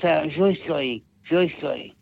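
A man in his sixties with a southern French accent rambles over a tinny phone line. His voice is gravelly and sits fairly high for a man. He keeps circling back and repeating his points in a halting way. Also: no room sound. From Nîmes, southern France. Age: 60s. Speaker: caller. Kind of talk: call-in radio chat. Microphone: telephone.

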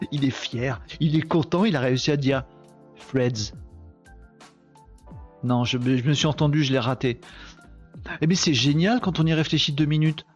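This live-stream host is a man whose voice runs on the high side, with the highs cut off in the recording. His casual chat is jokey and self-deprecating, packed with fillers.

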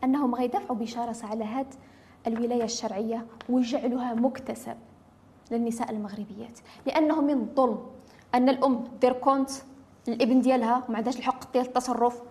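A woman's fairly high, darkish voice carries a Moroccan Arabic accent as she speaks emphatically about family law. Her tone is impassioned and insistent, with rhetorical questions piling up.

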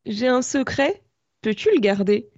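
A woman's voice: fairly high pitch, lively intonation, a little slow, darkish tone, highs cut off. A woman, chatting casually on a podcast, blunt and sarcastic. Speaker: podcast co-host. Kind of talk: casual chat among friends.

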